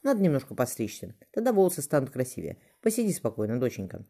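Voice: mid-range voice, sing-song, fast talker, mellow, slightly rough. An audiobook reader voicing Marfa, an affectionate, chatty grown woman who speaks tenderly. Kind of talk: audiobook character reading.

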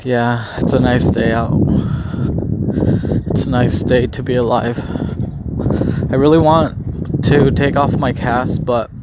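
A man who is high on weed, rambling casually in a spaced-out stoner manner, as in a video diary. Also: level tone, heavy background noise. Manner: slow, spaced-out stoner drawl. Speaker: vlogger.

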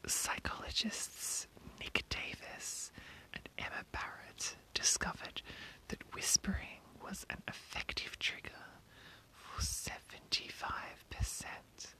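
An ASMR host speaking entirely in a breathy whisper, reading an article aloud and adding informal, rambling asides. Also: takes it slowly, sharp tone, low-quality recording. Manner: informal, rambling, self-commenting.

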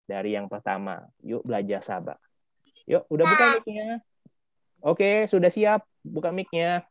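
Through dull, lo-fi, dry video call audio, a man with a slightly high voice teaches a children's church lesson at a measured pace. He is lively, acting out what angry kids say and quizzing the class.

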